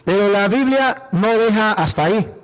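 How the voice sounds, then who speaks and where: A priest from Venezuela with a Venezuelan accent, preaching emphatically, repeating phrases and asking rhetorical questions. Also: male voice, high voice, normal speed. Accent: Venezuelan Spanish. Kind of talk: apologetic preaching.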